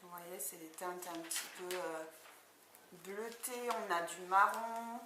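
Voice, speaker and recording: A woman's voice: on the low side, fairly even intonation, takes it slowly. A woman chatting enthusiastically while unboxing makeup, speaking casually with many fillers, filmed indoors from a distance on the camera mic. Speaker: beauty vlogger. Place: indoor room, far from the camera. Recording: echoey room, distant mic, background noise.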